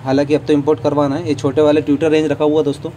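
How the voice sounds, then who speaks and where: Chatty man touring an expo, mellow voice. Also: on the high side, monotone, rapid-fire, slight background noise, low-quality recording. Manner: chatty, addresses viewers as friends, opinionated asides. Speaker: vlogger touring a trade show stall. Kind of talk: casual walkthrough vlog. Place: busy indoor trade show hall. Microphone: phone camera held while walking.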